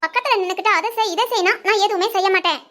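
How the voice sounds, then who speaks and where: A woman voicing a playful, teasing young bride in an animated village family story, with a southern Tamil Nadu accent and a giggly, squealing way of talking. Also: very high voice, very fast. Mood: stubborn.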